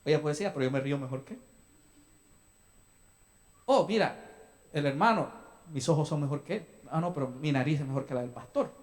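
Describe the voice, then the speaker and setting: A man's voice: a little high, brisk, long pauses, darkish tone. A young man from El Salvador preaching a sermon as a pastor in a church, talking to the congregation with questions and acted-out asides. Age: young adult. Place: church sanctuary.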